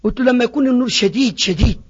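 A preacher with an Egyptian Arabic accent giving a passionate evangelistic sermon, alternating between loud appeals and hushed words. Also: male voice, very high-pitched, rapid-fire, husky. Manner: passionate, retells dialogues, swings from loud to hushed. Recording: muffled lo-fi recording.

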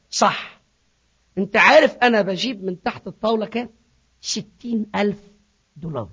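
A man preaching a sermon, swinging from hushed asides to shouted appeals. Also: high-pitched, husky. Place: church in Sydney. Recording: dull lo-fi recording.

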